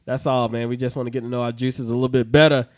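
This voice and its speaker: A man's voice: medium pitch, level tone, fast talker, darkish tone, no room sound, clean studio sound. A man hosting a casual podcast, hyping up the show intros and cursing freely as he talks. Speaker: podcast host and DJ.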